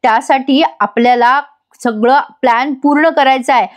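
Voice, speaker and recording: A woman's voice: sits high, moderate pace, lightly acted. A woman voicing a scheming, scolding middle-aged mother in a TV serial recap, with a harsh manner.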